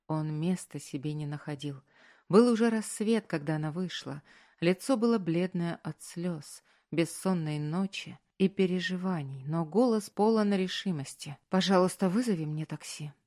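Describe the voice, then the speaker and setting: A woman narrating a romance audiobook in a soft, slow, intimate reading. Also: fairly low pitch. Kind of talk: scripted narration.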